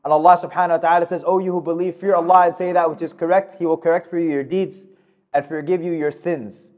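A man in his thirties delivering a Friday sermon in a mosque, speaking at a podium microphone in a measured, emphatic way. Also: a little high, little pitch movement, a little mellow. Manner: measured, emphatic delivery with fast recited Arabic verses. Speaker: khutbah speaker. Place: mosque prayer hall, indoors. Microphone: gooseneck podium mic.

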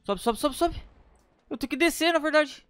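A man's voice: very high voice, normal speed, a bit bright, dry recording. A man giving panicky, exclamatory gameplay commentary, often repeating words. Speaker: gameplay streamer.

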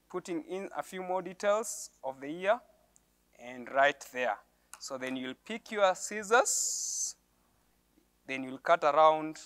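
A middle-aged man guides children through a Bible craft at a desk. His fairly high, bright voice stays patient and explains each step in turn. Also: smooth, no echo. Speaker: Sunday school craft teacher. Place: studio desk.

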